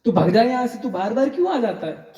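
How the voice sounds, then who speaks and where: A man playing a gruff old hermit, echoey. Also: a little high, measured pace, warm tone, distant mic, highs cut off, natural voice. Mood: brusque. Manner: brusque, shooing. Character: stern old male ascetic, gruff then devoted. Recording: echoey room.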